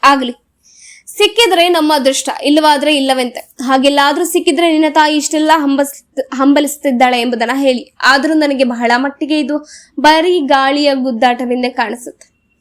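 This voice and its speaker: A woman's voice: sits high, fairly even intonation, normal speed, lightly acted. A woman reading the lines of a resigned, doubtful old village man in an audiobook. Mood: weary doubt.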